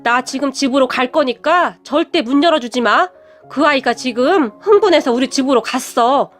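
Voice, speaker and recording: Casting: a stern, firm middle-aged father in a storybook reading, read by a woman narrator in her own high voice, measured and cold. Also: faint music behind, natural voice. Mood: urgent. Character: stern middle-aged father confronting his son's fiancée.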